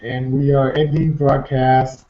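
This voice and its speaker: In this casual two-person chat from an online video hangout, a man speaks slowly at a medium pitch with little rise or fall. He's co-hosting an informal online talk show, keeping things subdued indoors while the internet call sounds muffled, echoey and faintly noisy.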